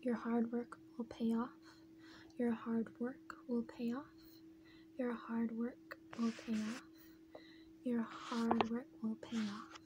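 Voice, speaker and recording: A young woman gives a whispered ASMR pep talk, soft and very close. She speaks slowly and repeats herself soothingly. A clear hum and noise sit behind her voice. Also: on the high side, little pitch movement. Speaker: ASMR creator. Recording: clearly noisy, humming close-up recording.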